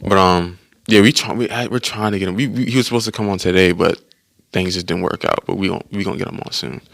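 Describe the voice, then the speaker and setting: A man's voice: low-pitched, fairly even intonation, fast talker, vocal fry, fairly bright tone. A laid-back young man co-hosting a casual podcast, teasing his friends. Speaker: podcast co-host. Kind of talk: casual chat.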